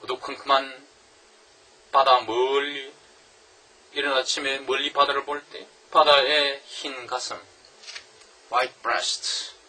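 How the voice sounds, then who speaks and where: A man lecturing on a novel, asking rhetorical questions and reading English lines slowly. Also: mid-range voice, flat delivery, pushed and bright, slightly rough, recorded from a distance, low-quality recording. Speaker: literature lecturer.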